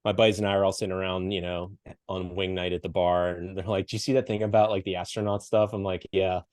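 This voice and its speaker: A man's voice: deep voice, little pitch movement, fast talker, a little mellow, dry recording, clean studio sound. A middle-aged man from Western Pennsylvania telling a story in a casual interview, acting out the people he quotes and laughing often. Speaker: podcast guest, coach and speaker.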